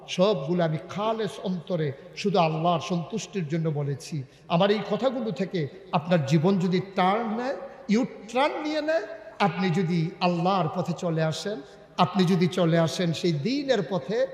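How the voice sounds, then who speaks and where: A man preaching a sermon, emotional and rising to loud sung-out calls. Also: high-pitched, moderate pace. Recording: echoey hall with long reverb.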